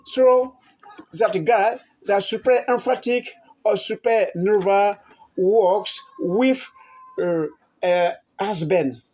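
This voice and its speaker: A woman whose first language is French hosts a wellness channel at a very unhurried pace, with a voice of ordinary pitch for a woman. She speaks in short, halting phrases, often stopping and repeating words before she goes on. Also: darkish tone. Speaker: health channel host. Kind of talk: informal talk to camera.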